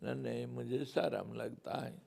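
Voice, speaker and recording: A man voicing the boy Kanha in a told story, speaking softly in a bashful, hesitant, pleading way. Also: medium pitch, steady tone, a little slow, vocal fry. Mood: shy. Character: young boy Kanha, shy and mischievous.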